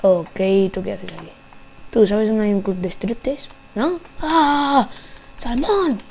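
A young woman giving silly, playful gameplay commentary, repeating phrases with rising pitch and singing bits. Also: expressive, slow pace, vocal fry, a little mellow, slight background noise, rough recording. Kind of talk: playful let's-play commentary.

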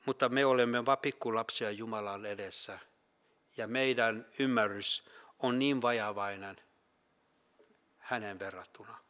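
Earnest male preacher with a bright voice. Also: lowish voice, fairly even intonation. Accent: Finland Swedish. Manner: earnest, rises to emphatic peaks and drops to hushed quiet; halting restarts with Finnish filler sounds. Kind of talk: sermon.

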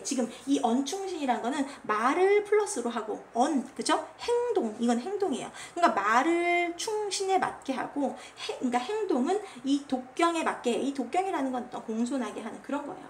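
A woman's voice: high-pitched, a little hiss or hum. A woman teacher explaining a classical poem in a chatty lecture. She keeps checking that her listeners follow and acts out the poem's commands in a scolding voice. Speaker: Korean literature teacher.

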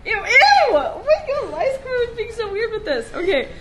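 In a brightly lit living room, a young woman vlogs herself doing a blindfold challenge, full of giggles, drama, and rapid reactions as she chats excitedly. Her voice is very high-pitched with big pitch swings, over soft background music.

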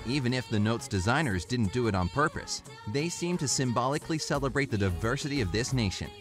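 A man reads an upbeat, informative script with small jokes dropped in, in the manner of an online list video. His pitch is typical for a man. Faint music runs underneath the narration. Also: animated, a little fast. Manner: upbeat, informative, lightly jokey.

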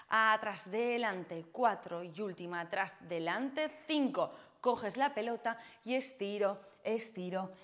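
A woman's voice: medium pitch, fairly bright tone. A young woman fitness instructor cueing a floor workout with counts, short puffs of breath, and out of breath as she exercises along.

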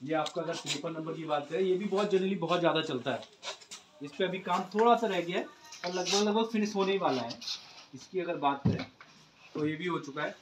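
Briskly and in a slightly high voice, a young Hindi-accented craftsman from Uttar Pradesh gives a casual, showroom-style tour of the sofas he makes. He explains them politely and at length to the camera inside his cluttered indoor workshop, with background noise audible.

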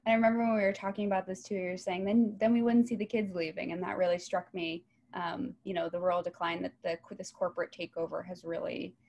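A woman's voice: lowish voice, fairly even intonation, quick pace, hardly any pauses, a little mellow. A woman in her thirties moderating a webinar from home over a video call, friendly and often restarting her phrases. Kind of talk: moderating a panel. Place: home room. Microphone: laptop webcam on a video call.

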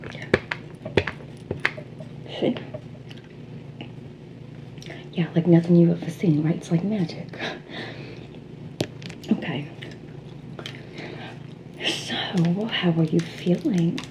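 A woman playing a pushy, flattering salon sales associate with a New Jersey accent in an ASMR role-play, chewing gum as she talks. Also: fairly low pitch, takes it slowly, long pauses. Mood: gushing, persuasive. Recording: clearly noisy background.

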